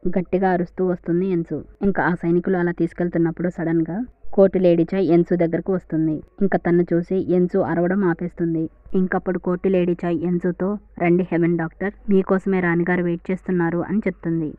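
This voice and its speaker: A woman retelling a drama's story as a narrator, in a steady, even way. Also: on the low side, quick pace, no echo. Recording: tinny phone-like dry recording.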